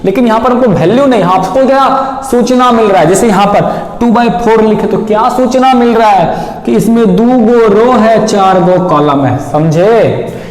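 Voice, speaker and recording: A man's voice: high voice, moderate pace, darkish tone. A male math teacher lecturing a class. He keeps asking questions and answering them himself. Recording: echoey room, long reverb.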